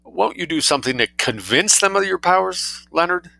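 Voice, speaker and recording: A man voicing a frightened, pleading English society aunt for a short story, in shrill tones. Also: huge pitch swings, fast talker, bright, forceful tone, no room sound, full character voice. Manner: pleading, screaming shrilly, tearful.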